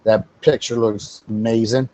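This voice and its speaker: A man's voice: on the low side, steady tone, measured pace, warm tone, dry recording, poor audio. A man speaking as a council member at a city meeting, casual and jokey.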